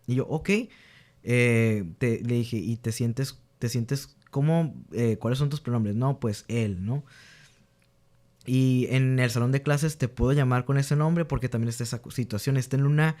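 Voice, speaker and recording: A young man speaks in a relaxed interview, his voice sitting in an ordinary middle pitch. He tells candid stories of his students, acting out their lines as he goes, often restarting sentences as he gathers his thoughts. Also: a little slow. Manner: earnest, reenacts dialogue with students, frequent restarts. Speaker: guest, teacher.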